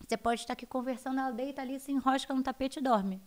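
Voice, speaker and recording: Woman, Brazilian accent, fairly high voice, animated explanatory talk, podcast guest. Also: rapid-fire. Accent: Brazilian Portuguese. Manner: animated, acts out her children's voices. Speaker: guest, integrative child educator.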